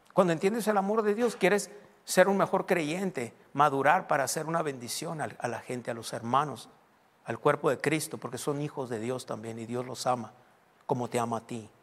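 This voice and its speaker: A man, a pastor preaching a sermon, animated, who mimics how people pray. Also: fairly high pitch. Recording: hall with long reverb.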